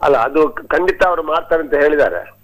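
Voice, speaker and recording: A man speaking over the phone as a community leader. He pauses often and fills the gaps with drawn-out sounds. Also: on the high side, low-quality recording. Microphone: telephone.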